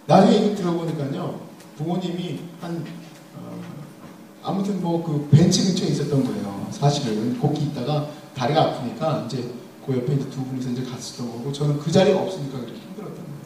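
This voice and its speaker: A young man preaching in a big, echoey hall, his voice picked up from some way off. His tone is warm and slightly raised, and he swings up and down freely as he tells a humorous story and speaks to the congregation. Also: a little high, animated, brisk, slight background noise. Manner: humorous storytelling, addressing the audience directly. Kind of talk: sermon. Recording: echoey hall, mic at a distance.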